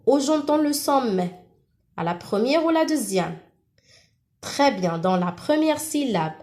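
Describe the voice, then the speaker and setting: A woman teacher, leading a slow phonics lesson for young children, repeating and stretching syllables. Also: fairly high pitch, a little mellow.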